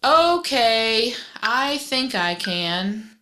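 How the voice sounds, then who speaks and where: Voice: medium pitch, very animated, extremely slow, sharp tone, pitched above the performer's own voice, exaggerated voice. A performer voicing an impatient little female plant in a storybook segment. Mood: hopeful. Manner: whiny, sulky. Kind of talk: storybook reading.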